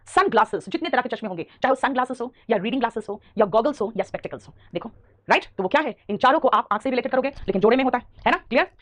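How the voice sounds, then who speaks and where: A woman's voice: on the high side, expressive, rapid-fire, a bit bright. A woman teaching a live online English grammar class, who calls her students "beta" and keeps asking whether they have understood. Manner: addresses students as "beta", repeats questions to check understanding.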